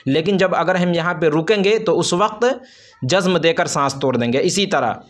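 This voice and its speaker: A man with an Indian Urdu-Hindi accent teaching Quran reading, explaining step by step, repeating each example and reciting the Arabic slowly. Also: high-pitched. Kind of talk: slow, patient tajweed lesson.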